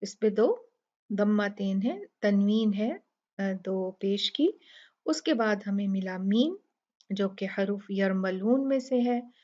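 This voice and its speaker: Slow, patient female tajweed teacher, dull lo-fi sound. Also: medium pitch, expressive, warm tone. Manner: patient, explains slowly and demonstrates each recited word. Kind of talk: step-by-step recitation lesson.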